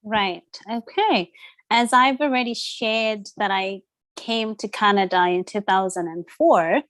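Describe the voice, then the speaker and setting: A woman's voice: medium pitch, a little slow, fairly bright tone, no room sound. Reflective woman in her thirties. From Zimbabwe. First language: Ndebele. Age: 30s. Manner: reflective, hesitant with many fillers. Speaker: guest, social worker. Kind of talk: conversational interview.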